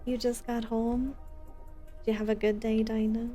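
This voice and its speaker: Over background game music, a woman talks to her audience in a relaxed livestream as she plays. She speaks at a normal pace in a level, somewhat high voice with a dark tone.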